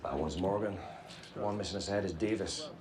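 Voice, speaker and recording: An actor playing a cynical, gruff police officer, in TV drama dialogue. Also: male voice, deep voice, fairly quick, a loud crowd, natural voice.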